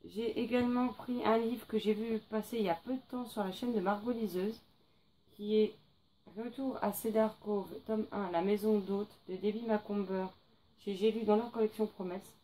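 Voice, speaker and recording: A woman's voice: medium pitch, steady tone, moderate pace, warm tone, a little hiss or hum, low-quality recording. A young woman chatting casually about books she bought, hesitating often with fillers. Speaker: book vlogger. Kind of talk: casual book haul vlog.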